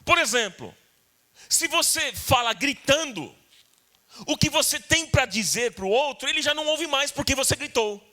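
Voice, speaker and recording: A man's voice: very high-pitched, animated, normal speed, pushed and bright. A man with a Brazilian Portuguese accent preaching a sermon as pastor, earnest and repetitive, speaking directly to his congregation in church.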